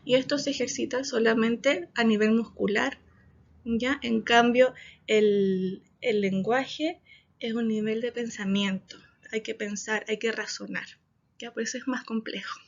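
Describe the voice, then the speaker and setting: A woman's voice: fairly high pitch, fairly even intonation, a little slow. A woman speech therapist, explaining to parents in a workshop and checking in often with short asides. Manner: explanatory, frequent "¿ya?" check-ins. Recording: dull lo-fi recording.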